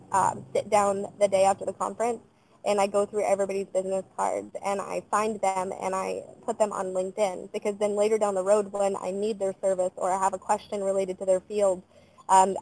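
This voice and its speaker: A woman in her thirties, a small business owner, answering on a panel over a video call from outdoors in a measured, thoughtful way with frequent ums and uhs. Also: mid-range voice, flat delivery, darkish tone, slight background noise, poor audio. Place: outdoors in front of trees. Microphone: webcam on a video call.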